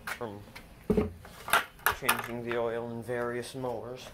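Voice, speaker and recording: Guy doing a casual monotone vlog outside, flat word stress, mid pitch, really loud noise behind him. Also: slow pace. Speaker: vlog host. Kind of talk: casual first-person vlog narration. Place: outdoors in a yard. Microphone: handheld camera or phone mic. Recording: loud outdoor engine noise, clicks, handheld.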